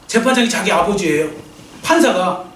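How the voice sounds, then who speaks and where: A man's voice: high-pitched, animated, normal speed, fairly bright tone. A male pastor preaching an earnest, exhorting sermon and leading a prayer in a church. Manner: earnest, exhorting, leads call-and-response. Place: church sanctuary. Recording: echoey church sound from a distant mic.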